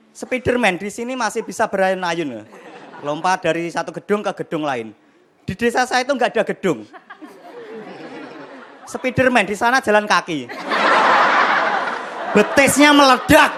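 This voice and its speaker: A young man performing a stand-up comedy set on a TV studio stage, telling animated stories with acted-out voices and sound effects. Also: sits high, normal speed, pauses often. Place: television studio stage with live audience. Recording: noisy broadcast with loud crowd laughter. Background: audience laughter.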